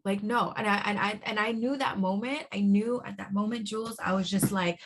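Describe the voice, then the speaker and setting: A woman at an ordinary middle pitch recounts her own painful past as a podcast guest. She speaks earnestly and haltingly, with frequent restarts and repeated words as she searches for what to say. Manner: earnest and heartfelt. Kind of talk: emotional personal testimony.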